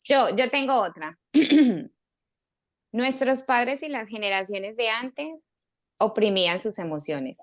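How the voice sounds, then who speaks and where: A woman co-hosting a casual podcast discussion, animated and telling personal stories with acted-out quotes. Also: a little high, slow, pauses often. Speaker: podcast co-host.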